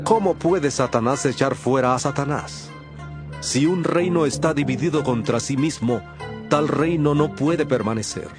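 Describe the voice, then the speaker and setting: A man voicing Jesus as a calm, authoritative teacher in a dramatized audio Bible, with a measured, solemn delivery. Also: medium pitch, over music, natural voice.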